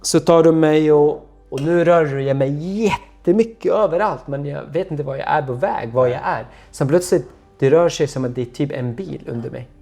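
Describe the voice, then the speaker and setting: A man, a guest telling his own story in an interview, speaking in a halting, quiet voice that often trails off. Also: fairly high pitch, gravelly, faint music behind. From Syria.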